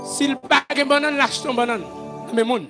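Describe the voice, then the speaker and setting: High, gravelly Haitian preacher. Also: male voice, steady tone, normal speed, music in the background. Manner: shouting, chanting preacher with sung calls. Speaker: pastor. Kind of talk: sermon.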